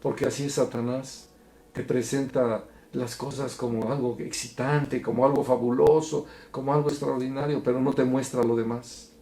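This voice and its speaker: A man teaching a Bible study in an earnest, preacherly way, going from soft to emphatic. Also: medium pitch, steady tone, normal speed. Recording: echoey room.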